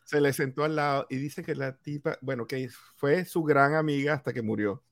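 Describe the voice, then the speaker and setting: A man's voice: medium pitch, steady tone, moderate pace, a crowd in the background. A man, co-hosting a podcast and telling a casual anecdote, sometimes losing his thread and correcting himself. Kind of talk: casual chat.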